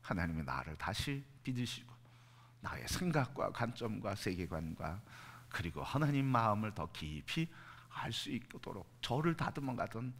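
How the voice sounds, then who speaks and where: A middle-aged man preaching a sermon as pastor. He asks the congregation questions and answers them, and he swells from quiet near-whispers to loud, emphatic peaks. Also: on the low side, big pitch swings, normal speed, breathy edge.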